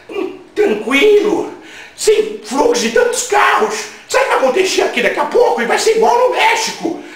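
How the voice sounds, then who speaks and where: A man playing a brash, indignant comic radio host, shouting crude, mocking rants. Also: very high-pitched, full character voice. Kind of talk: comic rant. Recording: very echoey room, voice far from mic.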